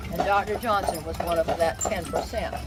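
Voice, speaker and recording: A woman's voice: on the low side, steady tone, moderate pace, loud music behind the voice. An older woman of about seventy giving a chatty, explanatory sightseeing commentary as a tour guide, projecting to her group outdoors. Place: outdoors on a moving open carriage. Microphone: handheld phone a short distance away. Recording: very noisy outdoor phone recording, clopping hooves. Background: loud noise, horse hooves clip-clopping.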